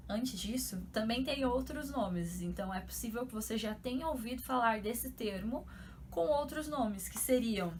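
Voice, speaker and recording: A young woman from São Paulo with a São Paulo accent, explaining things in a chatty, animated vlog style full of fillers. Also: fairly high pitch, slight background noise. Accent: São Paulo Portuguese. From São Paulo, Brazil. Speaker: YouTuber.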